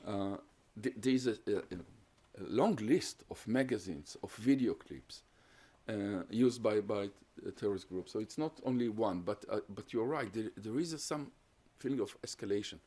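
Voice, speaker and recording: Lowish, mellow and a little rough, this man's voice carries a measured academic lecture on terrorism research, followed by audience questions. He is a guest lecturer whose first language is Hungarian, and he explains by assembling lists of points.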